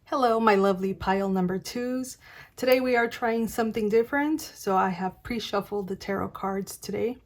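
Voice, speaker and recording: A woman's voice: mid-range voice, moderate pace. A woman giving a casual, encouraging tarot reading to camera, chatty with many fillers. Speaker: tarot reader.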